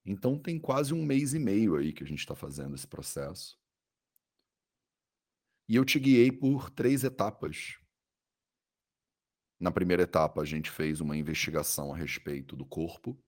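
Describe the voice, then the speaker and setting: Brazilian male meditation guide, low-pitched, calm and soothing, leaving space between instructions. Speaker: meditation teacher.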